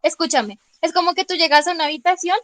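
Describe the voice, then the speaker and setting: A woman's voice: extremely high pitch, quick pace, over a noisy crowd, poor audio. A woman teacher explaining grammar in an online class, patiently checking understanding with frequent questions and calling on students by name. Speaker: English teacher.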